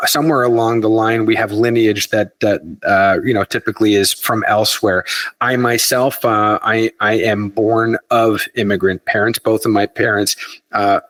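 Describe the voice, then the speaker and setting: A man hosting a podcast interview, halting and repeating words as he builds his questions. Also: fairly low pitch, a bit bright, no echo. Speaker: podcast host. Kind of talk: interview conversation.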